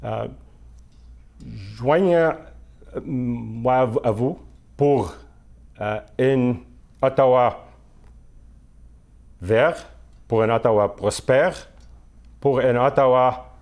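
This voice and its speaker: Guy doing a campaign pitch, super slow, lots of hesitating, mid-range voice. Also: darkish tone. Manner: halting, hesitant, repeats phrases. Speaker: mayoral candidate. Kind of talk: campaign message.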